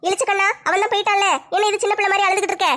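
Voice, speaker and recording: A woman's voice: extremely high pitch, flat delivery, very fast, a bit bright. A woman playing a bold, teasing woman who threatens a drunk in a comedy skit. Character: bold, tough older sister-figure woman.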